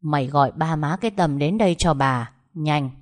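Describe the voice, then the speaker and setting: A woman's voice: low-pitched, moderate pace, lightly acted. A woman voicing a stern elderly matriarch giving orders. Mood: commanding. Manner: commanding.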